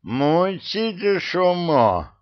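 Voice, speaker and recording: A man's voice: high-pitched, big pitch swings, drawn-out words, voice pushed up, heavily acted. A man voicing a lanky, haughty official who talks with his mouth full, muffled and garbled, in an audiobook. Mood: indignant, garbled. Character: lanky haughty male official, talking through a mouthful of bread.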